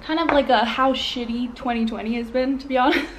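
A woman's voice: sits high, fairly even intonation, brisk, a little hiss or hum, poor audio. A young woman filming a casual eating vlog at home, talking candidly with lots of fillers between bites. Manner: chatty, filler-heavy, candid. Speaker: YouTuber. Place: at home, indoors.

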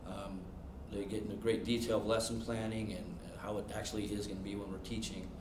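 Thirties man, low monotone interview answers, distant roomy sound. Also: a little fast. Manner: steady, many "um"s. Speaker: substitute teacher and baseball coach. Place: classroom, indoors. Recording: distant echoey classroom with noise.

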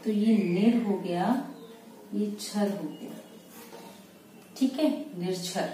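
A woman teaching shorthand step by step, patiently repeating each word slowly as she writes it. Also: medium pitch, mellow. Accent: Indian Hindi. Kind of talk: step-by-step tutorial explanation. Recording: distant mic in a very echoey room with faint noise.

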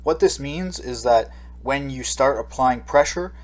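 A mid-range male voice at a measured pace narrates a slideshow lesson as a fishing instructor. He explains things steadily, reading with the occasional um and uh, recorded as a voice-over.

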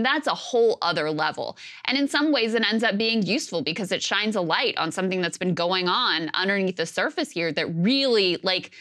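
A woman co-hosting a political talk show, laying out her argument in a measured way and taking care to add nuance. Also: medium pitch, a bit bright. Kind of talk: analytical political commentary.

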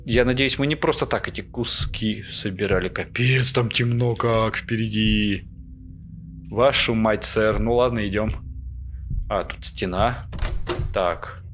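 Nervous low-voiced man playing a horror game. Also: measured pace, fairly bright tone, a little hiss or hum. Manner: nervous, jittery, muttering to himself. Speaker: gamer, let's play host. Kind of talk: casual horror game commentary. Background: horror game ambience.

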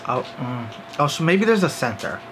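A man's voice: fairly high pitch, big pitch swings, normal speed, noisy background. Young American man talking while chewing. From United States. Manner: chatty, easygoing, filler-heavy. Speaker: vlogger. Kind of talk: casual candy taste-test vlog. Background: TV playing in another room.

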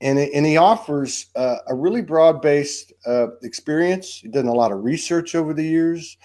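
A man in his fifties with a slightly high, warm voice speaks at normal speed from a room at home. He hosts a chill video call about spiritual topics, rambling loosely and saying "you know, man" a lot.

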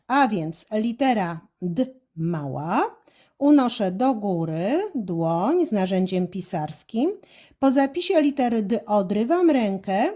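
Step by step, slowly and carefully, a woman teaches handwriting. She has a lively, slightly high voice with a mellow quality.

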